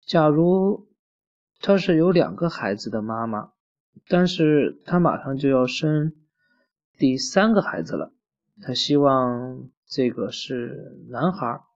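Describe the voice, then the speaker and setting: A man voicing a bossy little girl who plays house in a storybook reading, his voice lifted higher. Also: takes it slowly. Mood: pretend-grown-up. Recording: muffled lo-fi recording.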